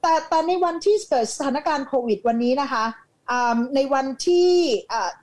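A high-pitched woman speaks as a talk-show guest in an easy, explanatory way. She works through one example after another. She pauses often on drawn-out filler sounds and repeats her key phrases for emphasis. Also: lively intonation, darkish tone. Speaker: guest explaining business technology.

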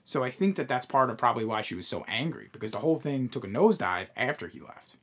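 A man in easy podcast chat, going on at length about a TV episode. His pitch rides up and down with real life as he makes his points. He swears casually and keeps circling back to his idea. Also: animated, fast talker, breathy edge. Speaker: podcast co-host.

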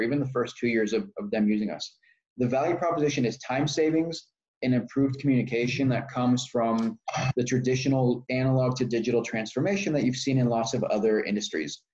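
A man's voice: mid-range voice, darkish tone. A man from Texas, a startup founder being interviewed, explaining at length with fillers and self-corrections. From Texas, United States. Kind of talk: conversational interview answers. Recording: dull lo-fi sound.

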